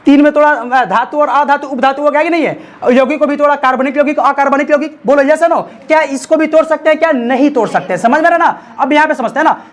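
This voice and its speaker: A man's voice: extremely high pitch, quick pace, few pauses. A man teaching a classroom science lesson, constantly prompting his students to answer back. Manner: call-and-response, keeps prompting students to answer.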